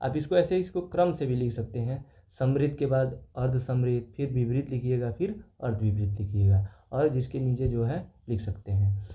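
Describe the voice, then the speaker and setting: Guy teaching exam prep, goes through answers step by step, kinda mellow, echoey room. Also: mid-range voice. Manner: explains step by step, repeats key terms, points at the page. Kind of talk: exam-prep lecture, reading questions and explaining answers.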